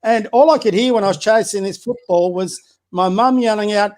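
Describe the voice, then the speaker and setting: The guest is a community basketball coach with a high-pitched voice, chatting casually about politics on a podcast at a moderate pace. A little mellow in tone, he still speaks bluntly, throwing out rhetorical questions and restarting sentences as he makes his case.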